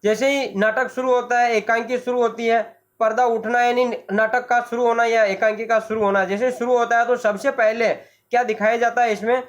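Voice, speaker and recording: Teacher walking a class through a text, slow and repetitive, explains word meanings. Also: mid-range voice, little pitch movement. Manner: explains slowly, repeats and restates word meanings. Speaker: Hindi teacher.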